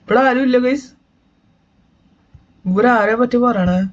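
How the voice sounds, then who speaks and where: High-voiced young man gaming, slow talk. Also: muffled recording. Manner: chatty, joking, talks to viewers as guys. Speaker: YouTube gamer. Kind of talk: let's-play commentary.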